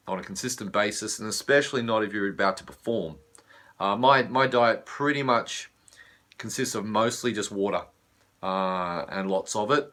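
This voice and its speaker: An Australian-accented male vocal coach, his fairly low voice husky from laryngitis, explains how to care for the voice in a teaching video. He keeps it relaxed and uses plenty of fillers.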